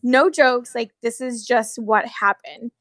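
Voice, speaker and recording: A young woman, once a theme park character performer, tells stories in a casual, gossipy way, her slangy, sweary speech full of "like." Her voice sits a little high, with a fairly bright tone and a slow pace. The recording is clean studio sound with no echo.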